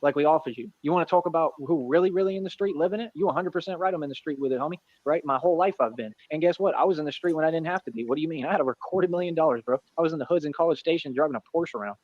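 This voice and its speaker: A man's voice: fairly high pitch, very fast, few pauses, muffled recording, a little hiss or hum. A man in his thirties bragging and taunting in brash, repetitive trash talk. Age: 30s. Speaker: streamer in a played clip.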